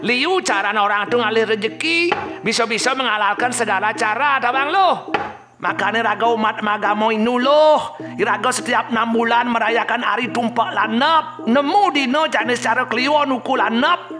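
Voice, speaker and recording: Man voicing a high-pitched old grandpa. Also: moderate pace, music in the background. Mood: advising. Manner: pleading then defiant, lecturing. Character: stubborn old village grandfather. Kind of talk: shadow puppet theater.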